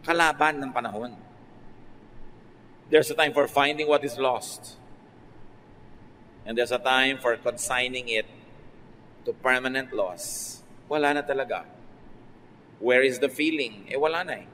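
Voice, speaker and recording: A man's voice: medium pitch, measured pace, pauses often, bright, forceful tone. A man with a Filipino accent preaching a sermon, switching between Tagalog and English with playful asides. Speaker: pastor. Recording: long reverb with faint ambient noise.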